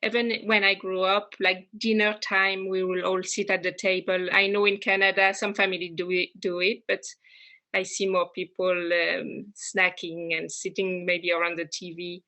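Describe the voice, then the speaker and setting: A woman in her thirties from France with a French accent, speaking English as an interview guest, often pausing on fillers and restarting her sentences. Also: fairly low pitch, level tone. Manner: hesitant, many fillers and restarts, warm laughs. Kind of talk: casual conversational interview.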